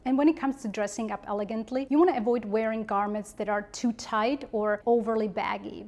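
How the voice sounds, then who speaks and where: Prim, precisely spoken woman with higher pitch. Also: darkish tone. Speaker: etiquette coach presenting style advice. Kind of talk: polished instructional presentation.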